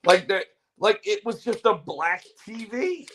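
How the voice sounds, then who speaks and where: A man's voice: high-pitched, animated, a little slow, fairly bright tone, a little hiss or hum. A man co-hosting a casual wrestling and TV recap podcast, laughing and building his points as he goes. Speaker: podcast co-host. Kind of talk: casual chat.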